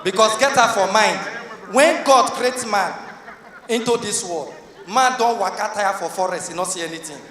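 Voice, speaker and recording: A man with a Nigerian Pidgin accent doing live stand-up comedy, loud and excitable, shouting punchlines at the crowd. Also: high voice, moderate pace, reverberant, in a large hall, recorded from a distance. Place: large event hall with live audience.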